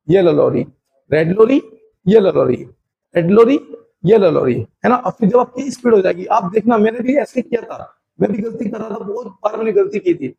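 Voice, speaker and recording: Indian man, english teacher, high voice, husky, slow stretched-out examples. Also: a little mellow, low-quality recording. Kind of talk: spoken English class in Hindi.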